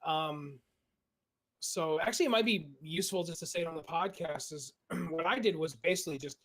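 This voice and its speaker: Male host, casual and explanatory, higher pitched. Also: brisk, fairly bright tone. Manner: chatty, laughs often, explains step by step. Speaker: streamer and podcast host. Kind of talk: casual chat.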